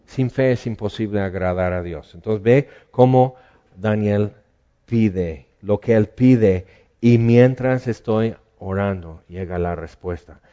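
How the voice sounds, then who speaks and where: Mellow man preaching. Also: lowish voice, takes it slowly, highs cut off. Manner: conversational, asks the listeners questions. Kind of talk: sermon.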